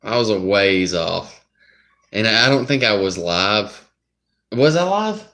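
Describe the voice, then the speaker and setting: Slow, deep-voiced Southern US man. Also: expressive, pushed and bright. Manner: rambling, wanders off topic. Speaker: livestreamer. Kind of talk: casual live-stream chat.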